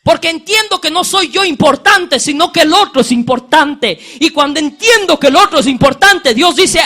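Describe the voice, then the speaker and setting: A man's voice: extremely high pitch, sharp tone. A male pastor, preaching a sermon and telling stories with acted-out dialogue. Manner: storytelling preacher, acting out dialogue.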